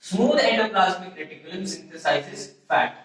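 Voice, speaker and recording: A man with a fairly high voice teaches a school biology class, firing questions at his pupils and answering them himself. He repeats key words and corrects his own slips along the way. He sounds far from the mic in a very echoey room. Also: expressive, moderate pace, a bit bright. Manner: repetitive call-and-response questioning, frequent self-corrections. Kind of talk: classroom biology lecture in Hindi-English mix.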